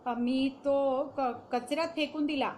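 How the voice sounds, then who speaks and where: A woman's voice: high voice, steady tone, unhurried, a little mellow, a little hiss or hum. A woman voicing a troubled middle-aged wife who turns agitated and bitter, in a raised, strained voice.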